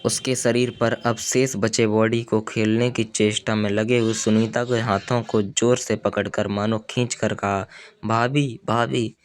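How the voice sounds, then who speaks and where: A man narrating a literary novel in a measured, even reading. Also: fairly low pitch, clean tone. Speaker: audiobook narrator. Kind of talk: scripted narration.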